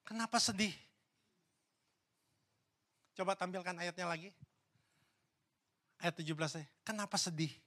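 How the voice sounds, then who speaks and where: A man preaching a sermon in a church. His voice sits high and sounds bright and forceful. He fires loud, emphatic questions at the congregation, then drops into hushed, low asides. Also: measured pace, long pauses. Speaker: pastor.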